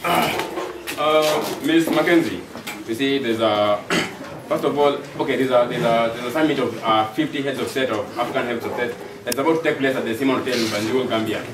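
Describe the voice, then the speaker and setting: A man playing a news bureau chief in an amateur stage play, speaking haltingly with many fillers. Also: medium pitch, close to an everyday voice. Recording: roomy, distant mic with noise.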